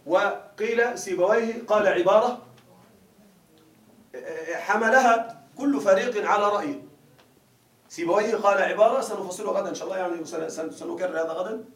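A man's voice: sits high, a little fast, long pauses. A man teaching a grammar lesson in a classroom, asking his students again and again whether they follow. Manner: keeps asking students to confirm. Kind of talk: classroom lecture. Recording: echoey room, mic far away.

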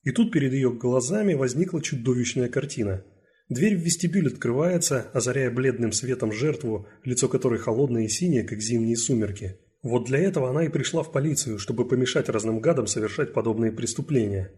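A man reads a crime audiobook in a mellow, dark voice at a middle pitch. His narration is steady and even, carrying the action along without fuss. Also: brisk. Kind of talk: scripted narration.

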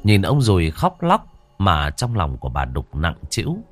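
A man's voice: deep voice, wildly swooping pitch, normal speed, soft background music. A man narrating a ghost story expressively.

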